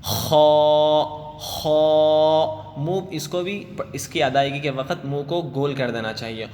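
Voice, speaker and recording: A man teaching children Quran letters with tajweed. He chants each letter slowly and drawn out, then explains it quickly. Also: mid-range voice. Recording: long reverb, faint music.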